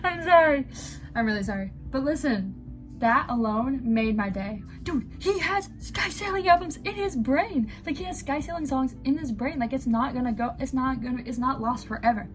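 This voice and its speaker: A woman in her twenties giving excited, rambling reaction commentary as a gushing fan, often giggling. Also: high voice, moderate pace. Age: 20s. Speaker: YouTube reactor.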